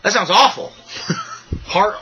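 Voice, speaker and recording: A man hosting a podcast in casual chat, excitable and rambling, swearing freely with bursts of enthusiasm. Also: sits high, slow, husky, lo-fi sound. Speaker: podcast host.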